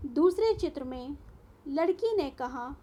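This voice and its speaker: A woman's voice: high-pitched, expressive, slow pace, dark tone. A woman teacher giving a recorded school lesson, explaining carefully and spelling out sounds one by one.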